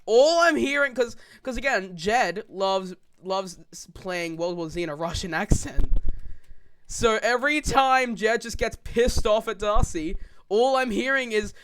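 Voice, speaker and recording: A man's voice: sits high, expressive, a little slow, fairly bright tone, clean tone. A young man hosting a casual podcast, rambling and restarting his sentences while he plays a game. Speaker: podcast host. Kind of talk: casual chat. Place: home, gaming while talking.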